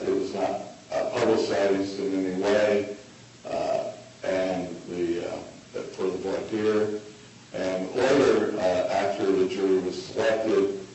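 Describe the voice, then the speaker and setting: Halting low-voiced male lawyer, very echoey. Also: darkish tone. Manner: halting, hesitant, with very frequent uhs. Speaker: defense appeal lawyer. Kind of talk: oral argument in court. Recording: very echoey distant courtroom, faint noise.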